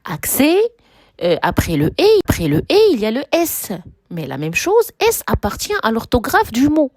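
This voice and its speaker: A woman teaching a French grammar lesson, slowly spelling out examples and repeating key words with emphasis. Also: fairly high pitch, huge pitch swings. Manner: slow, deliberate, repeats and stresses example words. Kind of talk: classroom-style grammar lesson.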